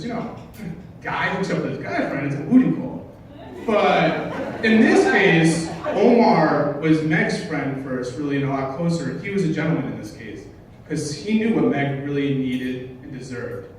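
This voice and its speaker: A man giving an informal, humorous best man speech at a wedding, joking along in a halting way and often correcting himself. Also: fairly high pitch, animated. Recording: distant, very echoey, noisy room recording.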